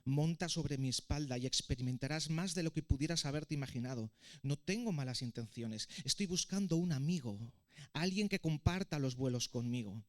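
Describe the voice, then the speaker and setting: A man's voice: on the high side, expressive, moderate pace, natural voice. A man voicing a sly, friendly-seeming male dragon in a sermon story, coaxing and mocking.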